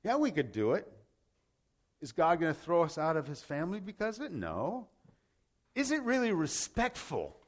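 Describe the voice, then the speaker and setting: Raised in Rome by American parents, this man delivers a sermon built on scripture and personal stories. His voice sits a little high and swoops wildly in pitch, moving at a moderate pace with frequent pauses. He speaks emphatically but conversationally, leaning on rhetorical questions and repetition.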